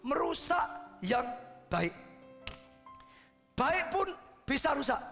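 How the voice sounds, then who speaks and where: A man preaching a sermon with passion, swinging from loud peaks to hushed asides. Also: extremely high pitch, big-room sound. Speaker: pastor.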